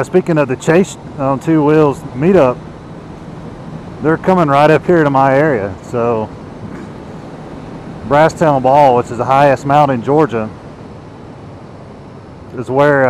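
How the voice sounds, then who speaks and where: A man from the United States chats casually and rambles as he rides, recorded inside a motorcycle helmet. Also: mid-range voice. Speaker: motovlogger. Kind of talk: casual rambling vlog while riding. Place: outdoors, riding a motorcycle on the road. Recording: noisy helmet mic with vehicle noise. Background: engine and road noise.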